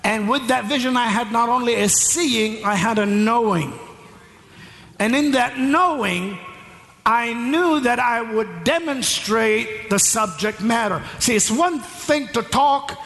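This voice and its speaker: Male preacher, high bright voice, slow and deliberate, rising to shouted call-outs; long hall reverb. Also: animated. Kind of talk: charismatic sermon. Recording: long hall reverb with faint room ambience.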